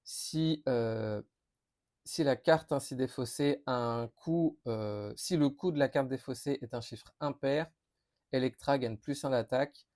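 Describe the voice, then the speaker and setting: A man's voice: mid-range voice, slow pace, a little mellow. Man thinking aloud over cards. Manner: thinking aloud, reading cards with many fillers and restarts. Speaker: board game youtuber. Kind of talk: casual card preview commentary.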